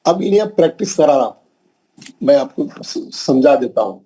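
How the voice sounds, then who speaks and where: Man, Hyderabadi accent, Quran teacher, husky voice, slightly high pitch, patient drilling. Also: very animated, dark tone, rough recording. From India. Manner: slow, patient, repeats examples and drills pronunciation. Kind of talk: classroom tajweed lesson.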